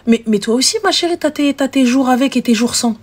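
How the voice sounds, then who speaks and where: A woman hosting a live show, giving frank, animated relationship advice and acting out little scenes. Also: high-pitched, fast talker, slightly rough. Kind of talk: casual advice chat.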